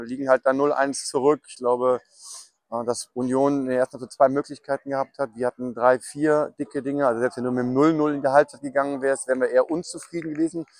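A man gives a spontaneous post-match analysis in a reflective, hesitant way. His voice sits at an average pitch. The sound is dry, with hardly any room in it. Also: no room sound.

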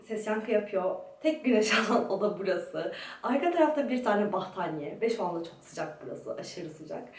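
A young woman talks her way through a detailed makeup product review in a casual, chatty manner, her slightly high voice bouncing around a small, hot room. The room echoes strongly, and she sits some way back from the mic. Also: a little mellow, far from the mic. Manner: chatty, detailed, describing items up close. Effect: strong room echo. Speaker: beauty vlogger. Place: small sunny room in a friend's home, indoors, very hot.

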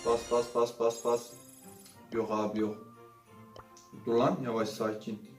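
Excitable young-sounding man, roomy distant mic. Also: medium pitch, measured pace, soft background music. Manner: excitable, swings between muttering and loud outbursts. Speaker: gaming channel host. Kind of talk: casual gaming commentary while opening loot boxes.

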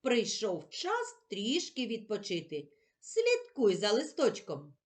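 A woman teaching a children's reading lesson, drawing out sounds and syllables in a clear, sing-song way. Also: on the high side, wildly swooping pitch, takes it slowly. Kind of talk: slow, clearly articulated literacy lesson for children.

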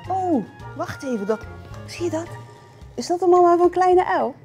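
A woman's voice: very high-pitched, animated, moderate pace, music in the background. A woman reading a picture book aloud to young children, sing-song and coaxing, asking them questions as she goes.

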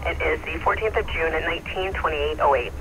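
Man as high-voiced fire dispatcher over scanner radio. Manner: slow, deliberate repetition of addresses and times. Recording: noisy scanner radio transmission.

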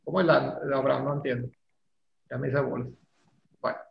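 Gravelly man teaching class. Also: mid-range voice, steady tone, fairly quick. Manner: casual, teasing, explains step by step. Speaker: English teacher. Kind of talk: online class lecture. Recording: echoey room, dull lo-fi sound, faint noise.

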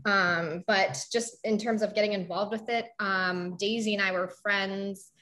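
A woman's voice: medium pitch, steady tone, unhurried, bright, forceful tone. Young woman, panel guest; casual and chatty, leans on "like" and "um". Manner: chatty, frequent "like" and "um" fillers.

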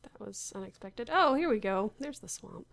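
A woman's voice: medium pitch, expressive, moderate pace, creaky, a bit bright. A woman casually talking to herself while playing a block-building game, unsure and wry, muttering about where she is. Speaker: Minecraft player. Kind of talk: casual gameplay commentary.

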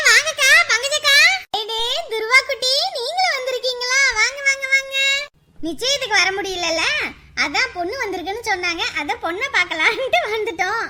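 A woman's voice: very high voice, pushed and bright, heavily acted. An actress playing a bustling mother who scolds her child and fusses over her guests.

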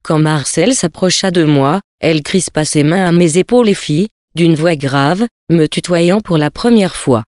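Measured reader narrating a novel. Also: medium pitch, darkish tone, no room sound, studio quality. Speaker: reader of a story.

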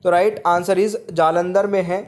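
A man with a high voice talks over quiz slides as a teacher. He reads every question, repeats it to his viewers, and then states the answer plainly. His steady classroom patter keeps to a fixed routine. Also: moderate pace. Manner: repeats each question, addresses viewers as friends. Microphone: voice-over on screen slides.

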